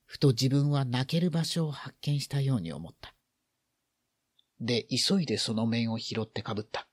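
A man's voice: medium pitch, normal speed, slightly rough, no echo. A man reading a literary story aloud, expressively acting out the feelings in the narration.

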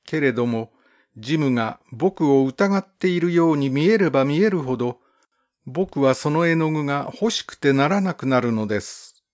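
A man reading a first-person literary story aloud in a measured, gently expressive storybook narration. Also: a little high. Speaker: audiobook narrator.

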